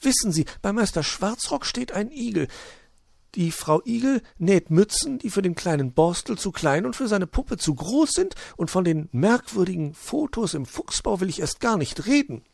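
A man's voice: sits high, big pitch swings, normal speed, creaky, a little mellow, no echo, studio quality, pitched above the performer's own voice, heavily acted. A man voicing a nosy, easily offended female magpie in a children's storybook, chattering on. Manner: chattering, indignant.

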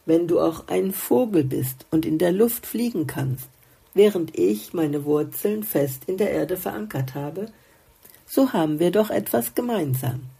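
A woman voicing a gentle, wise female blue flower in a storybook, patiently explaining things. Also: lowish voice, expressive, unhurried, vocal fry, husky, heavily acted.

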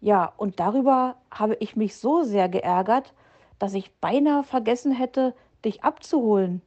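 A woman's voice: fairly high pitch, a little slow, dark tone, highs cut off, lightly acted. A woman voicing a grumpy, nervous male fox uncle who blusters and stammers out excuses. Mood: blustering. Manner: gruff, blustering, flustered excuses.

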